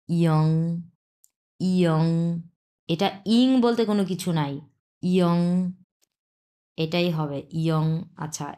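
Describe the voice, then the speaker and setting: A woman teaching a language lesson, repeating each sound slowly to model pronunciation and dropping English words into her explanations. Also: on the low side. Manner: mixes English words into Bengali.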